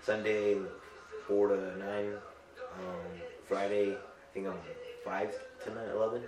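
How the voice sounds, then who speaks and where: A young man with a fairly low voice tells crude, laughing stories in loose chat among friends. He sounds distant from the mic, in a roomy, echoing space. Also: little pitch movement, measured pace, music in the background. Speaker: pizza shop worker.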